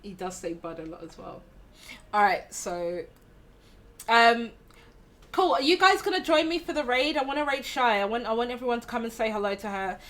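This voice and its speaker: A woman's voice: on the high side, animated, normal speed, fairly bright tone. Chatty teasing woman streamer. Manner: chatty, teasing, affectionate, laughs often. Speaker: streamer host. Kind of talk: casual stream chat.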